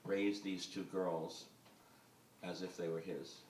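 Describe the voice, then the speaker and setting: Slowly and with fairly even intonation, a film director with a deep, darkish voice rambles through his turn on a panel, full of hesitations, uhs, and ums. He's in an event hall with an audience, miked from far away in the roomy space with slight background noise.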